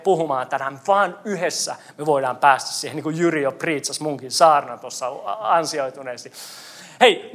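A man's voice: fairly high pitch, a bit bright. A male pastor giving a playful interactive sermon, quizzing the congregation. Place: church hall.

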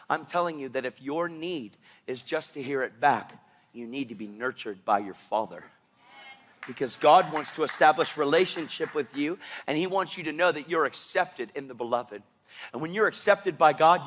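High-voiced, impassioned male preacher. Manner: animated, impassioned preaching with sudden loud bursts. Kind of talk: sermon.

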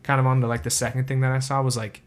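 A man's voice: mid-range voice, level tone, rapid-fire. Rambling man in casual chat. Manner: rambling, constantly saying "like". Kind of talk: casual discussion.

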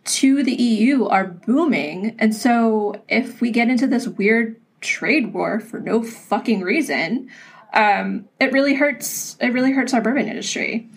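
A woman's voice: on the high side, a little slow, gravelly, breathy edge. A woman co-hosting a podcast, chatting casually over drinks, laughing often and swearing freely. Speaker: podcast co-host.

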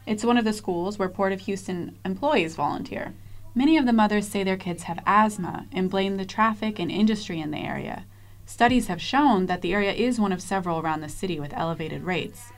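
A woman field reporter reading a measured, descriptive scripted news narration. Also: medium pitch.

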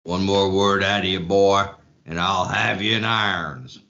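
A man's voice: sits low, steady tone, measured pace, sharp tone, heavily acted. A man voicing a stern, folksy rural judge who lectures in a country drawl. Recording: muffled lo-fi audio.

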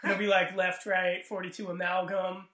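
Man, podcast co-host, wry sidekick, higher pitch, echoey room. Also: monotone, normal speed, pushed and bright. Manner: wry, joking asides. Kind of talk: casual chat. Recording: roomy echo.

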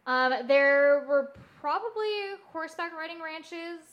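A woman's voice: high-pitched, unhurried, highs cut off. A woman co-hosting a casual chat about hauntings, telling stories informally and thinking aloud with some hesitation. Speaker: podcast co-host.

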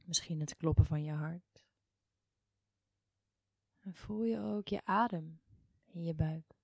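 A woman guiding a relaxation meditation in a soft, hushed, near-whispered voice, soothing and unhurried, with long pauses. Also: low-pitched, gravelly, breathy edge, no room sound, clean studio sound. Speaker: yoga and meditation guide.

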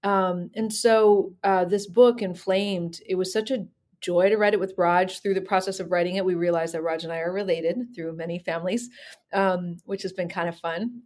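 A middle-aged woman from the San Francisco Bay Area, a physician and co-author, speaking in a reflective, measured way with many fillers. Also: on the low side, fairly even intonation, darkish tone. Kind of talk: interview conversation.

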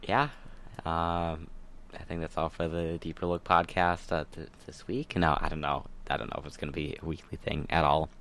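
A man's voice: extremely low pitch, flat delivery, normal speed, fairly bright tone. A young man co-hosting a casual podcast, retelling a news story in a rambling, hesitant way. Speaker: podcast co-host.

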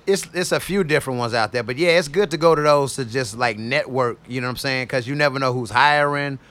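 A middle-aged man who works as a radio DJ, talking loosely in a casual interview and telling drawn-out stories. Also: medium pitch, fairly bright tone. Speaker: radio DJ guest.

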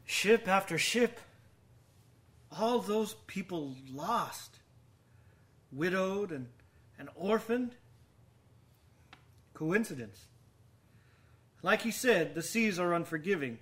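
This is an actor as a younger man with a fairly high voice and a slow, measured delivery. He is proud and troubled, brooding in formal, dramatic language. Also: lively intonation, a bit bright, husky, full character voice. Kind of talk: dramatic acted monologue and dialogue.

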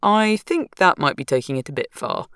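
A woman's voice: sits low, big pitch swings, moderate pace, fairly bright tone, clean tone, no echo, clean studio sound, exaggerated voice. A woman doing a laid-back husband. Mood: calm. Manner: easy, soothing, affectionate.

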